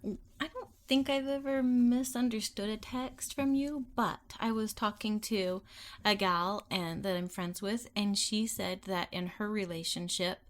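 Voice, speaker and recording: A woman's voice: medium pitch, a little slow. A middle-aged woman co-hosting a marriage podcast in casual chat, telling stories earnestly and acting out what others said. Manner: earnest storytelling, acts out quotes. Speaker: podcast co-host.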